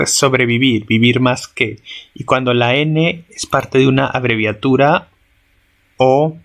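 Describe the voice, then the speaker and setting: A man's voice: medium pitch, slow pace, vocal fry, a bit bright. A man reading a grammar text aloud as a lesson, hesitating, repeating himself and correcting his words.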